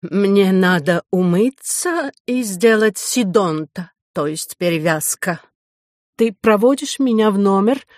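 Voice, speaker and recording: A woman's voice: mid-range voice, animated, slow, darkish tone, dry recording, studio quality. A woman voicing a haughty, demanding directress in an audiobook, indignant and imperious.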